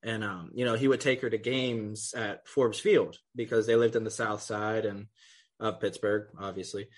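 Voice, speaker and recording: A man hosting a casual sports podcast, chatting in a relaxed, loose way. He swears freely and breaks into laughs often. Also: on the low side, moderate pace. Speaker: podcast host.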